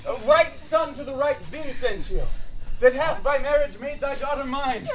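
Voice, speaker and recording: A man's voice: extremely high pitch, normal speed. A man playing an earnest young lover, declaiming in a live outdoor Shakespeare performance.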